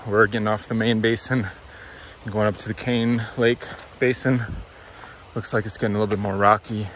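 A man filming himself on a mountain trail outdoors, casually narrating his hike in a relaxed way and chatting to his dog. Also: on the low side, moderate pace, slight background noise. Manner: relaxed, talks to his dog between remarks. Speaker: hiker filming his own vlog. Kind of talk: casual narration while hiking.

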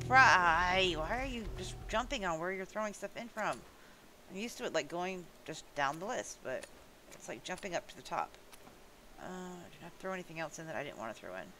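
A woman's voice: sits low, fairly bright tone, a little hiss or hum, low-quality recording. A woman casually commenting as she plays a game, chatting, and scolding and coaxing her in-game animals. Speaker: gameplay streamer. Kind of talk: casual let's-play commentary.

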